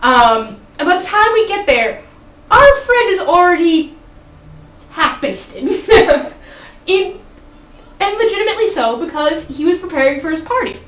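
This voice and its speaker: A young woman with a high-pitched voice tells an informal funny anecdote. She rambles in a giggly way and often interrupts herself with asides. She is heard at a distance from the mic in a very echoey room. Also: sing-song, unhurried, fairly bright tone. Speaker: storyteller. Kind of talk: informal comic anecdote told to a live group.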